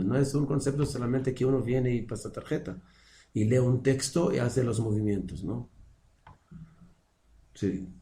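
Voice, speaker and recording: A man's voice: mid-range voice, mellow, echoey room. A man teaching a casual religious class as a rabbi, asking rhetorical questions as he explains. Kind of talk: informal religious lesson.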